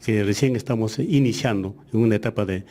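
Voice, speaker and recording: In a lowish, dark voice, a ministry official answers an interview in measured fashion, frequently hesitating. His first language is Aymara.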